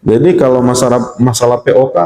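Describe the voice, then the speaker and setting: A man giving a humorous Ramadan lecture, joking and acting out prayers in a high voice. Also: quick pace, dark tone. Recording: echoey hall with long reverb.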